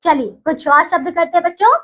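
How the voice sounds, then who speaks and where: A woman teaching a Hindi lesson to young children, slow and sing-song, stretching each new word with a lift in her voice. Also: very high voice, a bit bright, rough recording. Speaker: primary school Hindi teacher.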